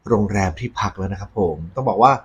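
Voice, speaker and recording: A man hosting a ghost story segment, talking conversationally and politely to his audience with a husky voice. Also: fairly low pitch, quick pace. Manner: polite, frequent Thai male polite particles.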